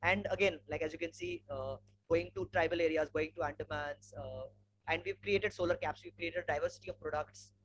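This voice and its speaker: A man's voice: a little high, fairly quick. A man with an educated, posh Indian English accent gives an informal slide presentation, telling anecdotes in a discursive, conversational way. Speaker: webinar speaker, environmental educator and trek leader. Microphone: online webinar microphone. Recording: clearly noisy webinar audio with hum.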